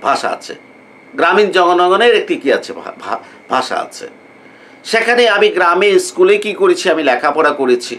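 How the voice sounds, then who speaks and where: Lively high-pitched male lecturer. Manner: repetitive, rhetorical, fills pauses with a questioning "what". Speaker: economics lecturer. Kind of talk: informal lecture to students.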